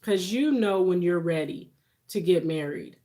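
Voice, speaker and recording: A woman's voice: fairly low pitch, expressive, a little slow, mellow. A woman in her forties hosting a casual livestream, talking to viewers in a reassuring, conversational, advice-giving way. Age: 40s. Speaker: livestream host.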